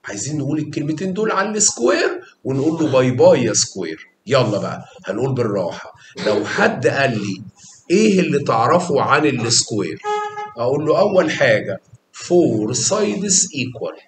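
A man with an Egyptian Arabic accent teaches a lively math lesson, coaxing students with questions and repetition. His medium-pitched voice swings widely in pitch and runs a little fast. The sound is reverberant, with a little hiss or hum.

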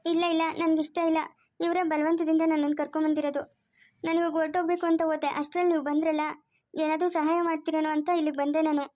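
A woman's voice: high voice, level tone, fast talker, a little mellow, lightly acted. A woman voicing a helpless young bride in a cartoon, pleading and tearful. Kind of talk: cartoon voice acting.

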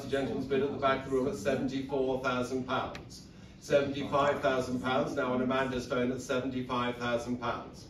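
A middle-aged man working as an auctioneer, calling bids at a live auction in a steady, rhythmic, repetitive patter. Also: mid-range voice, noisy background. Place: auction saleroom, indoors. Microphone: lectern mic, filmed from the audience seats. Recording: echoey saleroom from far back, audience around.

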